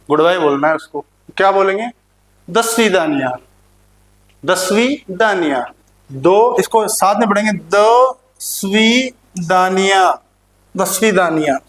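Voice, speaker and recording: A man teaching a playful lesson to students, repeating words slowly and joking with them. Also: high voice, lively intonation. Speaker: language teacher. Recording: echoey room.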